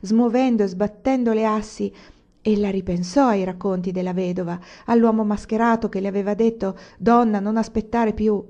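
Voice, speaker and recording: A woman reading a novel aloud in a measured, expressive way. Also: medium pitch, dull audio. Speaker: audiobook reader. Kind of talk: scripted narration of a novel.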